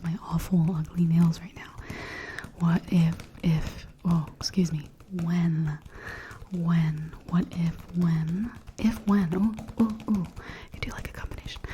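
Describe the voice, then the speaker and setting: A woman's voice: lowish voice, warm tone, a little hiss or hum. A woman whispering repetitive ASMR trigger phrases over tapping and lid sounds. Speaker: ASMR creator.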